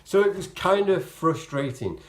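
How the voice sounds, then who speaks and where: A man's voice: high-pitched, lively intonation, measured pace. A man talking casually to camera as an amateur running vlogger, explaining things in a rambling way, correcting himself and voicing his own thoughts as quotes. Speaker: vlogger, amateur marathon runner. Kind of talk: casual, chatty vlog to camera.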